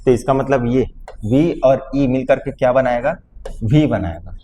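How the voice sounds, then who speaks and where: A man's voice: mid-range voice, unhurried, mellow, a little hiss or hum. Man teaching grammar, patient and repetitive. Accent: Chhattisgarh Hindi. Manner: addresses students fondly, asks for understanding often. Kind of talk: classroom lecture on grammar.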